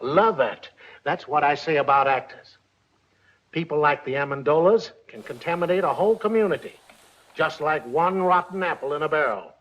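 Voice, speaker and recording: An actor playing a nosy, self-righteous small-town customer who spreads gossip, in 1950s film acting. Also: male voice, fairly high pitch, expressive, moderate pace, a bit bright. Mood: gossipy. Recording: dull old film soundtrack.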